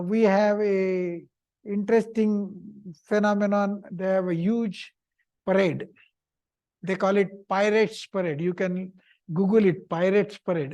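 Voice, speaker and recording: High-pitched older man giving informal lecture. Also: dark tone. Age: middle-aged or older. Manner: chatty, repetitive, short simple phrases. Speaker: visiting professor giving a seminar talk.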